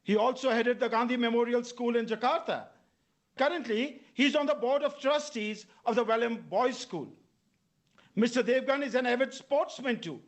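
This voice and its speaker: A man with an Indian accent reading formal scripted introductions as master of ceremonies at a debate, in a measured way. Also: very high voice.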